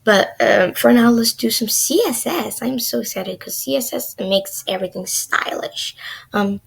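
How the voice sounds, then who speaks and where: Young woman, kinda husky and gravelly, rambly coding tutorial talk with lots of likes and ums. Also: a little high, unhurried. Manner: chatty, filler-heavy, says "like" a lot. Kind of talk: casual screen-recorded coding lesson.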